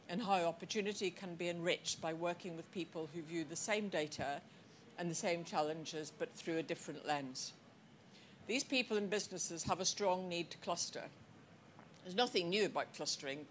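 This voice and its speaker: A woman delivering a scripted conference speech, measured and deliberate, with the odd wry aside. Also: lowish voice, a bit bright, a little hiss or hum. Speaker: conference speaker. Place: conference hall.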